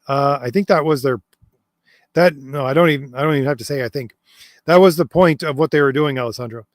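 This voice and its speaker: Speaking briskly at a medium pitch, a livestream host works through viewer comments, reading them aloud during a long, casual chat. He's hesitant, with many fillers and restarts, and says he is losing his voice. The recording is dry with clean studio sound.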